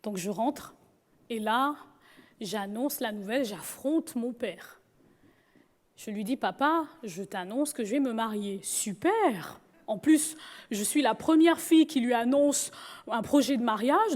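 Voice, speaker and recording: Woman from Gabon, lively humorous storyteller, high voice. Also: unhurried. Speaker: speaker. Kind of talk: personal storytelling talk.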